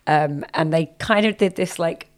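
A woman co-hosting a podcast with a croaky voice, chatting loosely and enthusiastically. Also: sits low, normal speed. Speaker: podcast co-host. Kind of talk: casual chat.

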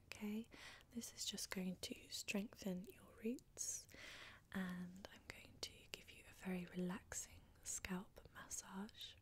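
Woman, soft close-mic whisper, unhurried and reassuring hairdresser for ASMR; very slow delivery. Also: lowish voice. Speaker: ASMR creator playing a hairdresser.

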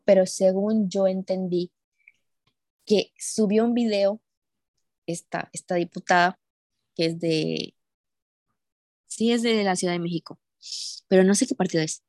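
A woman's voice: mid-range voice, a little mellow, no echo, studio quality. A young woman in casual chat, indignant and swearing freely. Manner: indignant, swearing, retells others with quoted voices.

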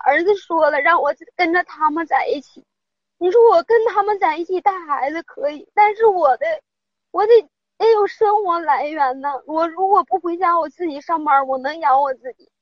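Middle-aged woman caller, high voice, rambling and distressed, dry dull lo-fi line. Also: dry recording. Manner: rambling, upset storytelling. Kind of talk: phone-in advice call.

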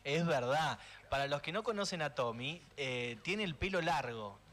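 Argentine guy in his 20s hosting radio, kinda high voice, easygoing, asking lots of questions. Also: animated, moderate pace, fairly bright tone. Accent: Argentine Spanish. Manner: friendly, easygoing, curious questions. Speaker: radio host. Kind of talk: casual radio chat.

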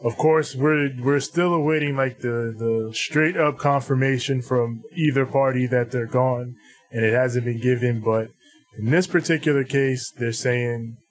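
A man's voice: medium pitch, steady tone, a little slow. A man co-hosting a podcast, chatting informally through news with repeated phrases and some swearing. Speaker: podcast co-host. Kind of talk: casual wrestling news chat.

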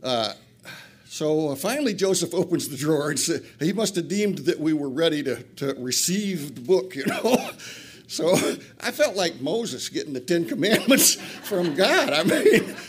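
Animated, laughing storyteller man, older. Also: a little high, unhurried, husky. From Flint, Michigan. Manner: profane, self-mocking storyteller who laughs often. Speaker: recovery speaker. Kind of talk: storytelling share at a recovery retreat.

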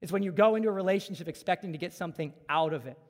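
A man's voice: high voice, racing, in a large hall. A man in his thirties preaching a conversational sermon as a pastor, acting out everyday dialogue to make his points.

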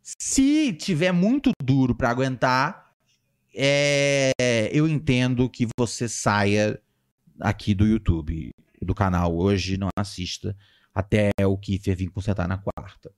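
A Brazilian man with a Brazilian Portuguese accent hosts a livestream podcast in a casual, playful way, reading viewers' messages. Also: slow. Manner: animated, playful, jumps in pitch when reading names. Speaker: podcast host reading live chat.

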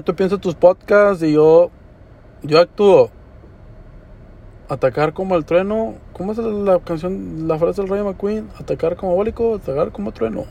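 A man's voice: high-pitched, vocal fry, a little mellow. A young man telling a casual story, full of slang and swearing. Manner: slangy, swears often, says "güey" constantly. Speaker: podcaster.

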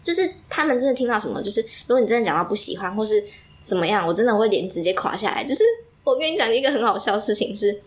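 This is a young woman who talks very fast in casual chat. She tells animated stories and fills her speech with plenty of fillers. Her pitch sits in an ordinary middle range. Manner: animated storyteller, heavy use of fillers.

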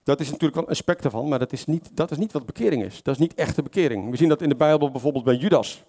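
A man's voice: a little high, very fast, warm tone. A man preaching an informal sermon, conversational, with many fillers and self-corrections and questions to the congregation. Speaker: lay preacher.

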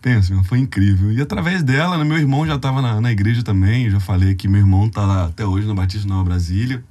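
A man's voice: fairly low pitch, fast talker, warm tone. A young Brazilian man, a youth ministry leader, telling a heartfelt, tearful testimony on a podcast in a casual, slangy way.

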